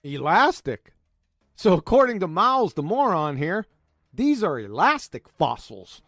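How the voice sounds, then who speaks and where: A man's voice: sits high, huge pitch swings, normal speed, a bit bright, no room sound. A man giving mocking commentary on clips in a smug, sarcastic manner. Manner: smug, sarcastic mockery with name-calling. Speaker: video commentator.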